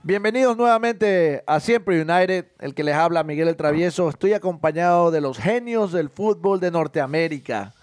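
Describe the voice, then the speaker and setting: A man's voice: a little high, moderate pace, few pauses, no echo, some chatter behind. A man hosting a casual sports podcast, upbeat and laughing, with many hesitant fillers. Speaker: podcast host.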